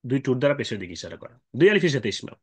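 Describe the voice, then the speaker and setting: A man teaching Quran recitation rules, explaining patiently with fillers and checking questions, and chanting drawn-out examples. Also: medium pitch, big pitch swings, husky. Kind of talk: explanatory tajweed lesson.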